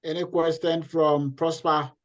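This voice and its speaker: A man moderating a workshop, briskly directing who speaks next. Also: on the high side, flat delivery. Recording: distant, dull call audio.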